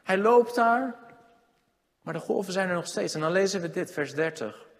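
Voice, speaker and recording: A man preaching a sermon, swinging between loud emphatic lines and hushed low ones. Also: fast talker, creaky. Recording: long hall reverb.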